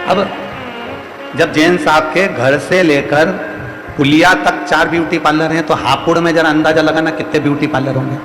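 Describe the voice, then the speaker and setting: A man's voice: a little high, steady tone, moderate pace. A man preaching a devotional sermon to a large gathering with a Madhya Pradesh Hindi accent, repeating lines emphatically to drive his point home. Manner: repetitive, emphatic, rhetorical preaching. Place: large outdoor religious gathering. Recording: echoey hall, long reverb, faint music.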